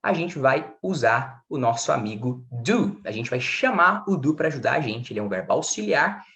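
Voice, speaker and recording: A Brazilian man teaching an online English lesson, switching between quick explanations and slow, clear model sentences in English. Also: mid-range voice, very animated, fairly bright tone, muffled recording. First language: Portuguese.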